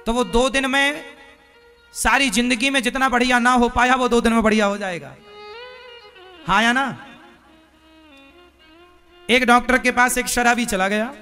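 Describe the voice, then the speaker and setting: A man's voice: high voice, pushed and bright. A man preaching a sermon through stories, in a folksy way, asking the audience questions as he goes. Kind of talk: storytelling sermon.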